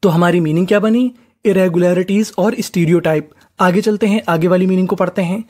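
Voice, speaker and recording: Patient man teaching English spelling, mellow voice. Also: sits high, steady tone, brisk. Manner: patient, repeats each syllable and asks the class to answer. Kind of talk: step-by-step spelling lesson.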